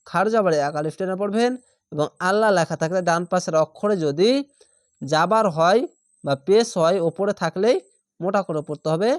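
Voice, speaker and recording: A man's voice: sits high, a little fast, dry recording, clean studio sound. A man teaching Quran reading, who spells out each letter and syllable, repeats the sounds and stretches the vowels before joining them into words. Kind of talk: step-by-step recitation lesson.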